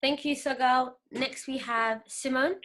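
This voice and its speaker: A woman moderating an online panel on a video call, introducing each speaker briskly. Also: high-pitched, steady tone, fairly bright tone.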